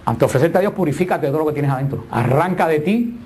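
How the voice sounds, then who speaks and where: Emphatic male preacher, higher pitch. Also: expressive, quick pace, a little mellow. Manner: emphatic, rising and falling, joking asides. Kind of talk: sermon.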